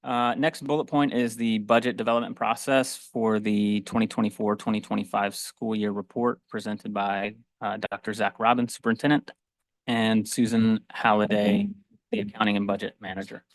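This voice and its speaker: A man's voice: on the low side, flat delivery, normal speed, no room sound. A man chairing a school board meeting, formal and with frequent hesitations.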